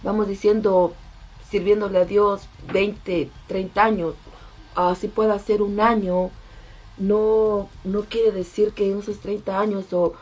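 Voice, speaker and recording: A woman's voice: medium pitch, little pitch movement, unhurried, a little mellow. A mother in a casual devotional talk, speaking emphatically and repeating key phrases.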